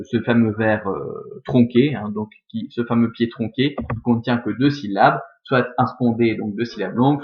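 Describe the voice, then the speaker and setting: Give me a man giving a methodical lesson, recorded with dull lo-fi sound. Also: mid-range voice. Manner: methodical, explaining step by step. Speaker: teacher. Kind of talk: scanning Latin verse in a recorded lesson.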